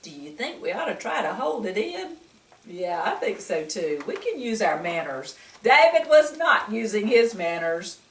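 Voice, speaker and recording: This woman speaks at a medium pitch in an unhurried, sing-song way as she expressively reads a picture book to small children, exclaiming often and asking them lots of questions. The recording carries a little hiss or hum, with a distant mic in a room that echoes.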